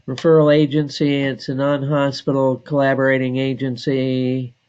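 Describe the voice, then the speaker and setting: A man training staff on database software, talking slowly and deliberately with frequent filler pauses. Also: medium pitch, monotone, clean tone, lo-fi sound. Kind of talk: screen-share software tutorial.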